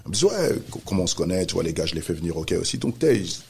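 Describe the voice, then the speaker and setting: Gravelly low-voiced Frenchman telling a story. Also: racing, a little hiss or hum. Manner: animated, acts out quoted voices, many restarts. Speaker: music manager telling a story. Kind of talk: casual storytelling chat.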